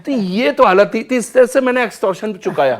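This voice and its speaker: A male singer, a guest on a talk show, telling anecdotes in an animated way and often laughing as he goes. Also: high voice, fairly quick, a little hiss or hum. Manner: lively storyteller, acts out scenes and laughs often.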